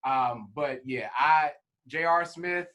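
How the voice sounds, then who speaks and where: A man with a bright, fairly high voice argues on a sports podcast. He lays out his case one point after another, with a few asides along the way. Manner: measured, builds an argument point by point. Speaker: podcast co-host. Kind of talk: casual sports podcast chat.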